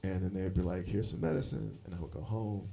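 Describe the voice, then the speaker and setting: Forty-something man doing lively stand-up. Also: deep voice, a little fast, gravelly. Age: 40s. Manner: animated storytelling, frequent laughs and fillers. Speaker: stand-up comedian. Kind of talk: live stand-up set. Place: comedy club stage with audience. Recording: live club set with crowd laughter. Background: audience laughter.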